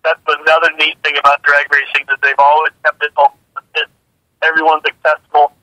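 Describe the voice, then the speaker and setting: Bright, chatty woman drag racer. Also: low voice, flat delivery, a little fast, dry recording, low-quality recording. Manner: chatty, laughs easily, repeats words. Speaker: jet dragster driver, guest. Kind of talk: casual interview chat.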